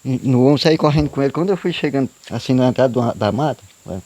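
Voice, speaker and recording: Man, folksy rambling storyteller, middle pitch, dry close sound. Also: fast, warm tone, no echo. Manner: rambling, repetitive folksy narration with frequent "né?" and "eu digo". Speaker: storyteller guest. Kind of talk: casual spoken storytelling of a true tale.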